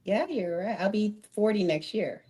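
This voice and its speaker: A woman in her late thirties, a former wrestler and guest on the show, talking openly and often breaking into laughter. Her voice sits at an ordinary middle pitch, and she tells her stories in a casual, chatty way. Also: animated, normal speed, warm tone, husky. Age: 30s. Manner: laughing, candid and outspoken. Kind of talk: casual interview chat.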